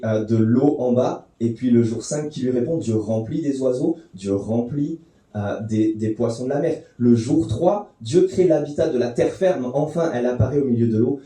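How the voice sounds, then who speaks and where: A man's voice: mid-range voice, warm tone, very echoey, distant mic. A man preaching a sermon to a congregation, explaining the text conversationally with fillers and restarts. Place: church hall.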